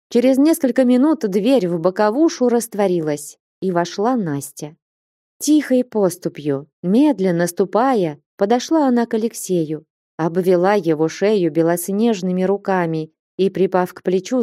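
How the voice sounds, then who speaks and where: A woman narrating classic prose as an audiobook, measured and expressive. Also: medium pitch, dry recording, clean studio sound.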